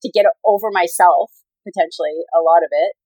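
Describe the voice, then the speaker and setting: A woman's voice: on the low side, brisk, darkish tone, no echo, poor audio. A woman in her forties, a professional athlete and coach, talking casually in an interview, rambling with many fillers and restarts. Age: 40s.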